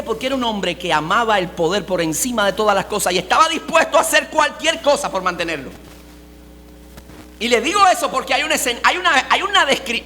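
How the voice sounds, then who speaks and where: A man's voice: extremely high pitch, pushed and bright, a little hiss or hum. A male pastor preaching a sermon emphatically, asking rhetorical questions and calling his listeners beloved.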